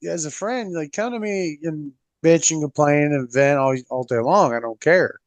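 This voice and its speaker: A blunt man chatting casually on a podcast, cursing freely and putting on other people's voices as he tells stories. His voice sits fairly high for a man. The sound is dry and close, with no room to it. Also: normal speed, dry recording. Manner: blunt, profane, swings his pitch mimicking others. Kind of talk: casual chat.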